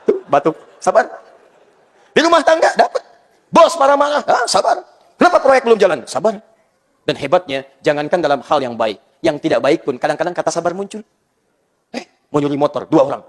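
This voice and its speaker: Male preacher, higher-pitched, playful sermon delivery, recorded in a big echoing hall. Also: brisk. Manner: animated, joking, acts out little quoted scenes. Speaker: ustadz preacher.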